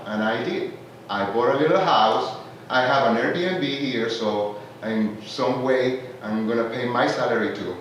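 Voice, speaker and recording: Soft-spoken Venezuelan-born man, echoey room. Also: medium pitch. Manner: hesitant, fills with "uh", warms into laughing enthusiasm. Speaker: tourism marketer introducing himself. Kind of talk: casual self-introduction at a meeting. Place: community meeting room. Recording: echoey room from far off, background noise.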